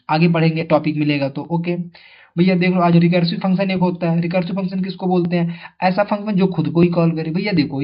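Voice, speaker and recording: A male tutor giving an exam coaching lesson in a chatty way, asking his students questions and repeating the answers. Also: fairly high pitch. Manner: calls viewers brother. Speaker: teacher. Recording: dull lo-fi sound.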